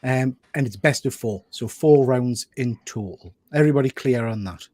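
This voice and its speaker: A man's voice: mid-range voice, moderate pace, a little mellow, no room sound. A man casually hosting a group show in an informal, bantering way. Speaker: host.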